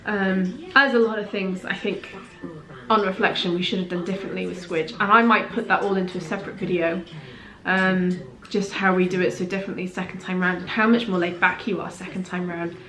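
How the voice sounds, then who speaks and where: A woman's voice: fairly low pitch, fairly even intonation, brisk, a bit bright. A woman, talking candidly to camera as a parenting vlogger, chatty and heartfelt with rambling asides. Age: late 30s. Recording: roomy echo in a home room.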